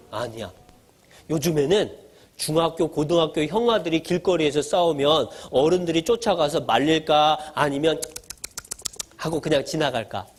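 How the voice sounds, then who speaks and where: Fairly high-voiced pastor preaching to children. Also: male voice. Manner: asks the children questions and answers them himself; explains simply, in a playful storytelling way. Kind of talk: children's sermon. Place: church gathering for children.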